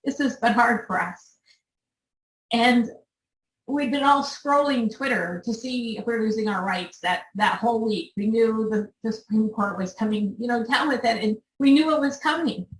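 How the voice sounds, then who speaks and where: An older woman, a volunteer organizer, speaking earnestly and haltingly to a meeting, at times emotional. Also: on the high side, slight background noise. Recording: roomy sound from a distant mic.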